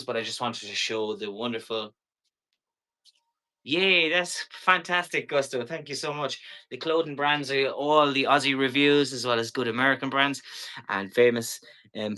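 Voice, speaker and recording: A man's voice: medium pitch, sharp tone. A man hosting a live-stream shopping show, selling in a casual, chatty, rambling way with jokey asides.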